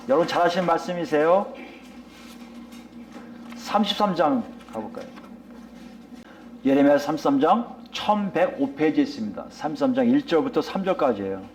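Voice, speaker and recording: A male pastor preaching a sermon, asking the congregation rhetorical questions and swinging between raised, emphatic lines and quiet, low asides. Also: animated, normal speed, pauses often. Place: church sanctuary.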